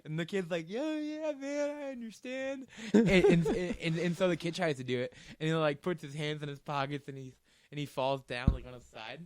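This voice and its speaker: A young man tells a long story in a casual podcast, his voice sitting a little high. He rambles, restarts his sentences and laughs as he goes. The sound is dry and close. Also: steady tone, brisk, dry recording. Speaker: podcast co-host.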